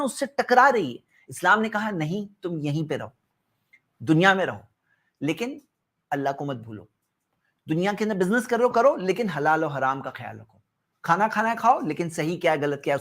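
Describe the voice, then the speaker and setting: A man giving a religious lecture, asking rhetorical questions and mixing English words into his talk. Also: on the high side. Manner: swings between loud emphasis and soft asides. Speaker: Islamic lecturer.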